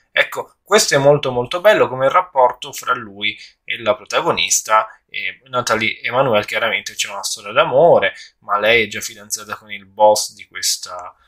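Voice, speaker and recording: A man's voice: medium pitch, sharp tone. A man giving a casual, rambling film review, with frequent hesitations and restarts.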